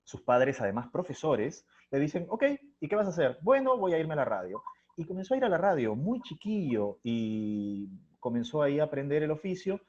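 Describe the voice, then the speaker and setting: His voice is fairly high, sing-song and a little mellow, at normal speed. He is a middle-aged man from Chiclayo, Peru, with a Peruvian Spanish accent, a theatre artist answering an interviewer in a reflective, anecdotal, conversational way, captured on dull lo-fi audio.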